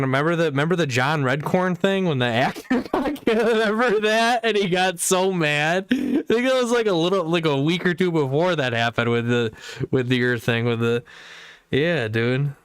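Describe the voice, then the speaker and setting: A man's voice: on the high side, animated, normal speed, clean tone, no room sound, clean studio sound. A man rambling in casual chat with friends on a livestream, swearing often and breaking into hard laughter as he retells an argument. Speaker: livestream host chatting with friends.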